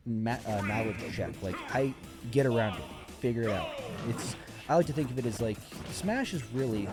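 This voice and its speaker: A talkative esports caster, himself a player, commentates live on a game match with music behind him, exclaiming as the plays unfold. His voice sits fairly low and is a little mellow, with a slight hiss or hum on the recording.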